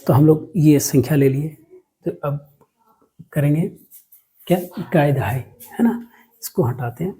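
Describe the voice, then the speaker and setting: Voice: medium pitch, expressive, measured pace, long pauses, warm tone, rough recording. A maths teacher explaining a lesson step by step. The teacher asks questions and answers them, repeats words often, and mixes English words into the explanation.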